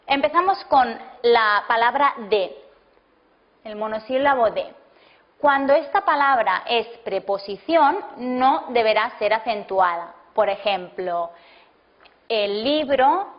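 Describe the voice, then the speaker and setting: A woman teacher explains grammar in a slow, deliberate classroom manner, pausing to dictate example sentences one word at a time. Her voice sits a little high. The recording is dull and lo-fi. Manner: slow, deliberate, breaks sentences into single words. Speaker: language teacher. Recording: dull lo-fi classroom video audio.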